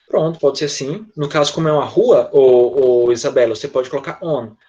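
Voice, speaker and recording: With a warm, medium-pitched voice, a Brazilian Portuguese-accented man jokes and chats while teaching English online, slowing down to model phrases. The recording sounds muffled.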